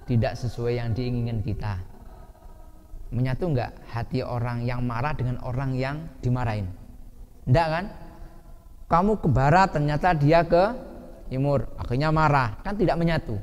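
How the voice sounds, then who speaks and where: A man with a Javanese accent giving a lively Islamic study sermon, asking his listeners questions and acting out angry shouting. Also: mid-range voice, a little hiss or hum. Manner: lively, asks the audience questions, acts out shouting. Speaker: ustadz teaching a hadith class. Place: boarding school study hall. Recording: reverberant hall with faint ambience.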